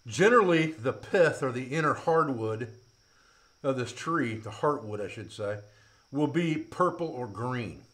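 A man's voice: mid-range voice, expressive, measured pace, fairly bright tone. Middle-aged man explaining bushcraft skills. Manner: plain, practical explaining while working with his hands. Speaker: bushcraft instructor. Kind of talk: outdoor skills demonstration. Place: outdoors by woods, then an open-sided metal shed.

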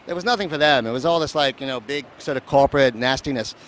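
A fast-talking man with a medium-pitched, fairly bright voice, he's a festival producer in a casual outdoor street interview at a seaport. The recording carries faint street noise and traffic. He rambles and jokes his way through, full of fillers.

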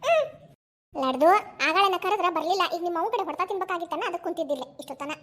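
A woman's voice: extremely high pitch, lively intonation, fairly bright tone. A woman voicing a fussy, doting grandmother and mother-in-law in a cartoon, speaking with a North Karnataka Kannada accent, chiding and coaxing in turn. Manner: chiding yet coaxing, fast. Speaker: cartoon voice actor. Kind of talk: cartoon voice acting.

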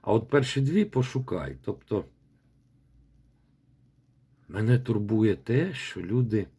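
A man's voice: on the low side, lively intonation, slow, dark tone, breathy edge. A man coaching a student's recitation in a rambling voice message, repeating words as he demonstrates. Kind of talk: spoken feedback voice message.

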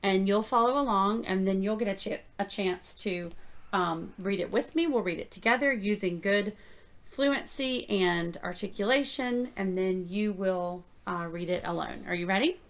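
A woman teacher demonstrating a reading fluency lesson, explaining each step slowly and praising the reader. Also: mid-range voice. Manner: encouraging, explains steps slowly.

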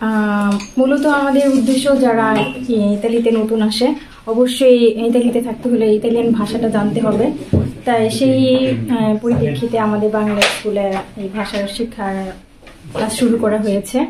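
A woman's voice: on the high side, fairly even intonation, normal speed. A woman giving an interview statement for a language school. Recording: echoey room, faint noise.

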